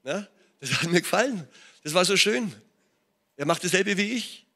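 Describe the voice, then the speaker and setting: A middle-aged German man preaches in a church, pitched a little high for a man. His delivery is animated, and he checks in with his listeners again and again. The sermon has a lively, conversational pull. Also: moderate pace. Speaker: pastor. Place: church hall.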